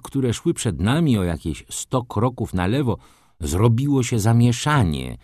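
Deep-voiced man narrating a story. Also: no echo, studio quality. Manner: expressive first-person storytelling reading. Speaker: audiobook narrator. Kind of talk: scripted narration.

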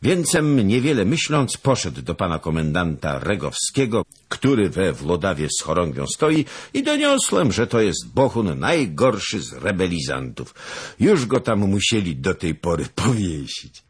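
A man's voice: low voice, huge pitch swings, a little slow, breathy edge, exaggerated voice. A man voicing a naive, eager young servant who tells his tale chattily and rises in surprise. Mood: explaining.

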